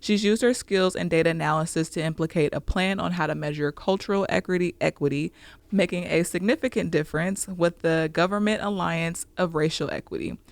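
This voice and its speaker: A woman's voice: on the low side, a little fast, vocal fry, no room sound. A woman hosting a podcast interview, upbeat and chatty, moving from a scripted intro into casual conversation. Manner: upbeat and chatty, laughs often. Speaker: podcast host. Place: studio set with a couch.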